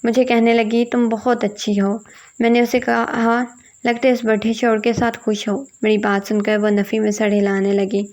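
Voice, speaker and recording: Slightly high, level in tone and a little mellow, a woman narrates a first-person family drama from a storybook. She reads all the parts in a single voice, plainly quoting each family member.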